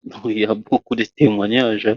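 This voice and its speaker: A man's voice: fairly low pitch, fairly even intonation, moderate pace, no echo. A man hosting a talk show, asking his guest polite, formal questions and affirming often. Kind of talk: interviewing a guest. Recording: dull, lo-fi dry sound.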